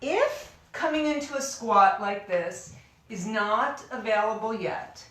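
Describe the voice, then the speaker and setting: A woman with a fairly high voice leads a yoga class. She gives careful, unhurried cues with easy, encouraging informality. The room is very echoey and she sounds distant from the microphone. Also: animated. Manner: careful, unhurried, gentle step-by-step cueing. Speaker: yoga instructor. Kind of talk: guided yoga class instruction.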